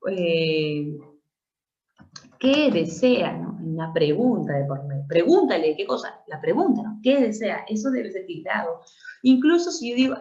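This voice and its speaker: A woman's voice: fairly low pitch, darkish tone. A woman, teaching a grammar lesson, patiently checking understanding with frequent tag questions. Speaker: language teacher. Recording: roomy, dull lo-fi recording.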